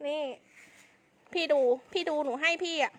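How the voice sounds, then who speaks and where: A woman doing fast hype live selling as an online clothing seller, with insistent, repetitive sales patter. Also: high-pitched, fairly even intonation.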